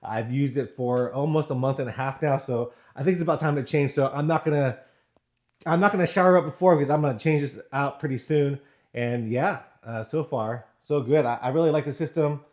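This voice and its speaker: A man's voice: mid-range voice, fairly quick, darkish tone. A man from the United States giving a casual vlog-style product review, informally repeating and rephrasing his points.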